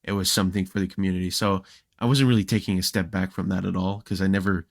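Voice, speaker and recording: Young male guest, low voice, loose and chatty, dry close mic. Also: quick pace, creaky, dry recording. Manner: relaxed storytelling with frequent fillers and restarts. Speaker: podcast guest, Minecraft creator. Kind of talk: casual podcast chat.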